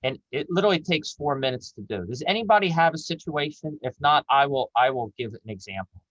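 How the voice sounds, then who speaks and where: A man presenting as an executive coach on a webinar, talking earnestly and slowing down to act out example phrases. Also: medium pitch, animated, fairly bright tone, no room sound, lo-fi sound. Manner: earnest, slows down and acts out example voices.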